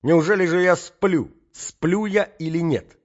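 A man's voice: on the high side, measured pace, pitched above the performer's own voice, lightly acted. A man voicing an imperious middle-aged matron who presses her demands with indignation, in a dull lo-fi recording. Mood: indignant.

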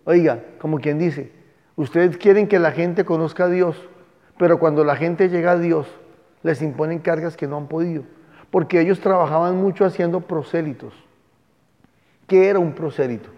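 Guy teaching a bible class, punchy and emphatic, kinda high voice, muffled recording w/ long echo. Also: moderate pace. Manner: emphatic, dictates spellings to students. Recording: echoey, dull room recording.

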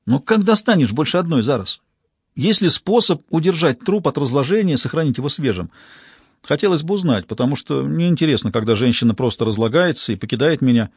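A chilling male killer muses out loud in a calm, coldly curious way, read by a man. The voice is husky and a little raised, recorded dry and close for an audiobook. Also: medium pitch, fairly quick, no room sound. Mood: creepy musing.

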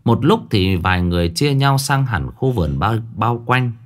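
A man tells a ghost story in an expressive storytelling style, his mid-range voice moving at a moderate pace.

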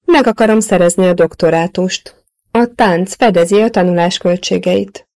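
A woman's voice: on the low side, mellow, lightly acted. Woman reading a direct young woman student.

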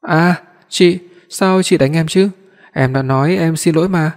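A man's voice: on the high side, measured pace, darkish tone. A man voicing a spiteful young woman who whines and pleads with fake tears, in an audiobook. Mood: whiny. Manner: whiny, pleading. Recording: long hall reverb.

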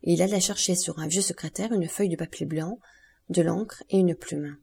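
A woman narrating a classic novel for an audiobook, in a measured storytelling manner. Her voice is low, dark and mellow, with a gravelly, husky texture. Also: fairly even intonation. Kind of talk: scripted narration.

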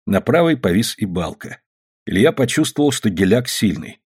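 Husky male audiobook narrator. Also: on the low side, sing-song, moderate pace, a little mellow. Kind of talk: scripted narration.

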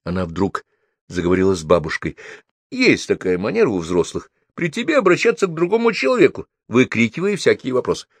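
A man narrating a first-person story as an audiobook reader, in a lively, expressive reading. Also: a little fast, no room sound. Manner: lively, expressive reading with wide pitch swings.

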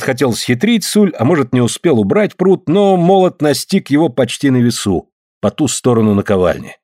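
A man narrating an audiobook in expressive storytelling. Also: medium pitch, slightly rough, dry recording, studio quality.

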